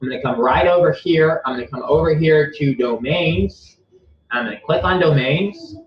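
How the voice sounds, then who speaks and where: A man's voice: fairly high pitch, normal speed, slight background noise. A man teaching a live screen-share tutorial, talking bluntly and swearing freely, repeating himself as he walks through each step. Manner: blunt and profane, repeats himself while clicking through steps. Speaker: online marketing instructor. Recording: echoey room, slightly dull lo-fi sound.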